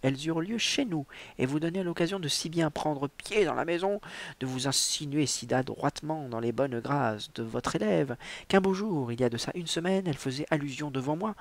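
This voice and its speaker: A man's voice: a little high, moderate pace, close to an everyday voice. A man reading the lines of a stern, pompous middle-aged merchant father in a formal, lecturing way.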